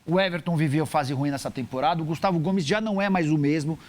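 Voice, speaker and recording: A man's voice: on the high side, fast, a little mellow. A Brazilian man working as a football pundit, debating in an insistent, argumentative way. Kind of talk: lively sports debate.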